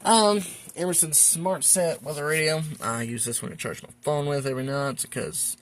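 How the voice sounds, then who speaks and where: Speaking at normal speed in a slightly high voice, an American hobbyist films a casual show-and-tell vlog indoors at home. He rambles folksily and keeps muttering asides to himself.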